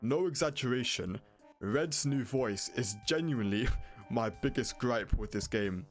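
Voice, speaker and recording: A man's voice: mid-range voice, lively intonation, unhurried. A man narrating a scripted video game review in a blunt, casual way. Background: prominent music.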